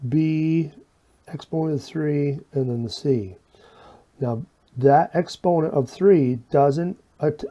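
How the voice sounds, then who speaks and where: A man's voice: mid-range voice, mellow, lo-fi sound. A man teaching an informal step-by-step math lesson in a folksy way, asking and answering his own questions, with a slight whistle on his s sounds. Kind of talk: informal step-by-step video lesson, talking while working problems.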